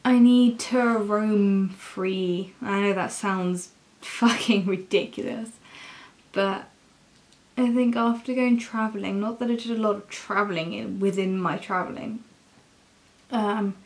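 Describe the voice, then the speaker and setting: A young woman with an English accent speaks at a slow, halting pace. She talks in a candid, confessional vlog style, choosing her words as she goes and swearing casually. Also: mid-range voice, steady tone, a little mellow. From England. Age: young adult. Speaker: university student vlogger.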